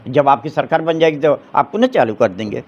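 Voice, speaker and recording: A middle-aged man, an advocate giving forceful political opinions in an interview, firing off rhetorical questions and restarting his phrases. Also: medium pitch, animated, brisk, highs cut off.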